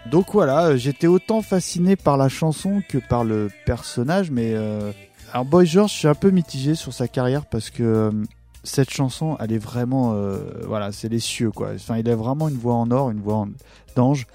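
A man in easy, chatty conversation with a co-host, teasing and quick to laugh. His voice sits at a middling pitch with a dark, mellow tone. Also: faint music behind. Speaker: podcast co-host. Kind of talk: casual chat about records. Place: recorded together in person.

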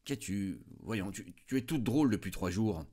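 A man's voice: on the low side, animated, moderate pace, dark tone. A man voicing a timid, well-meaning clerk husband who stammers, in a read-aloud story. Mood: anxious. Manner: stammering, anxious to please.

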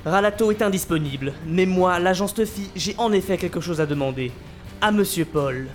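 A man's voice: high-pitched, moderate pace, soft background music, voice pushed up, natural voice. A man voicing a sly male agent speaking through another man's body, with odd intonation and mocking politeness. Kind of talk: audio drama acting.

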